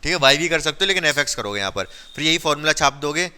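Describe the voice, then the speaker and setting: A man's voice: a little high, lively intonation, very fast, pushed and bright, clear, resonant tone. A man teaching a maths class, talking through the steps while he writes and quizzing his students. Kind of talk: classroom lesson explaining at a board.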